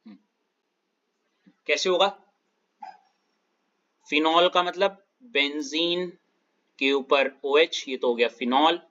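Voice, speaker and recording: A male chemistry teacher with a slightly high, sharp, forceful voice, walking students through reactions one step at a time and checking in with them after each point. The sound is dull and lo-fi, like audio from an online class. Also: slow pace, long pauses, a little hiss or hum.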